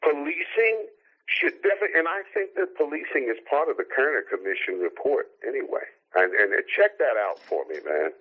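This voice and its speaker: A man in his sixties from the United States, a guest on a live radio show, shares his opinions emphatically and rhetorically. His medium-pitched voice is expressive and a little fast, heard over a narrow, tinny telephone line on the radio.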